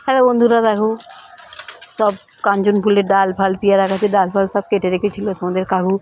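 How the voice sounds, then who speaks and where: A middle-aged or older woman with grandchildren narrates her daily home life for her vlog, talking quickly in a level, mid-range, darkish voice. She's chatty and treats viewers like friends, on a slightly noisy handheld recording.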